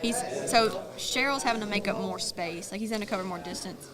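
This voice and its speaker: Southern woman, live grappling commentator, mid pitch, crowd audible behind. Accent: Southern American. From American South. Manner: quick play-by-play predictions. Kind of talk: live jiu-jitsu commentary.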